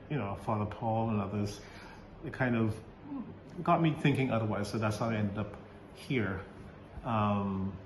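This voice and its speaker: Laughing often, the hesitant Barbadian priest stumbles through casual interview answers with many fillers and restarts. His voice is low and male. The space sounds roomy, with faint background noise.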